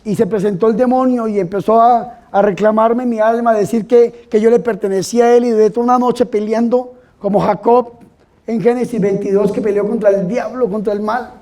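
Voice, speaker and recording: High-voiced Colombian priest giving testimony. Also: male voice, steady tone, fairly quick, dark tone. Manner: emphatic storytelling, repeatedly urging listeners to pay attention. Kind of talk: testimony talk to a live audience. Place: event hall with an audience.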